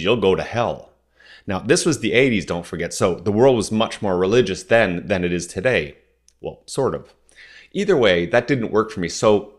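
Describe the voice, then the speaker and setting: Alone on his podcast, a host in his forties speaks in a somewhat low voice, steady and persuasive, often posing his arguments as questions. He grew up in Southern Ontario, Canada, with French as his first language.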